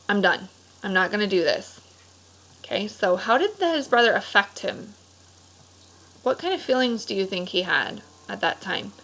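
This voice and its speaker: The recording quality is low, but the woman's medium-pitched, fairly bright voice comes through as she plays an elementary teacher. Leading a children's read-aloud discussion, she explains things simply and encouragingly, often asking questions and checking in.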